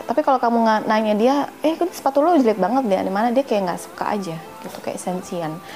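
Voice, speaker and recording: Chatty woman podcast host over music. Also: medium pitch. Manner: mixes in English phrases, playful and expressive. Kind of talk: casual chatty advice talk.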